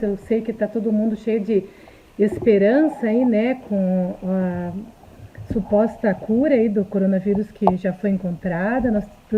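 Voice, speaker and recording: A woman talking in a soft, reflective way in a casual live stream, recorded on a phone indoors. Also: medium pitch, slight background noise. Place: indoor room at home. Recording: tinny phone livestream.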